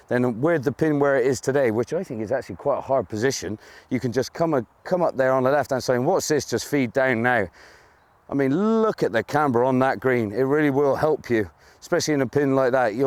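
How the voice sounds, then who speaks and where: A man giving a chatty, enthusiastic, informal golf hole walkthrough outdoors. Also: medium pitch. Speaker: golf course guide.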